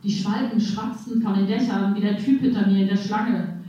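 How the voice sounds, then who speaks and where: A woman in her forties reading her own humorous first-person column with a wry, deadpan delivery, in a dull, echoey, distant recording. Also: mid-range voice, moderate pace. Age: 40s. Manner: wry, deadpan storytelling with playful voicing.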